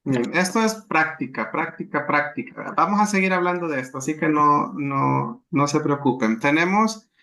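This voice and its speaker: A man leads a language lesson in a bright, slightly high voice. He explains each grammar rule patiently, repeating examples and checking in with his students as he goes. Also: moderate pace, creaky, few pauses. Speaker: language teacher.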